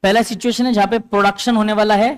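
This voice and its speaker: A man's voice: high voice, level tone, fast, smooth. A man teaching a classroom lecture, explaining step by step and often checking that students follow.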